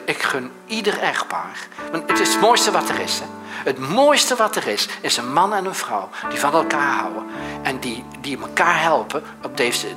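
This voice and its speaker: A middle-aged male pastor preaching a sermon, telling lively anecdotes and swinging from loud and animated to soft and hushed. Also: medium pitch.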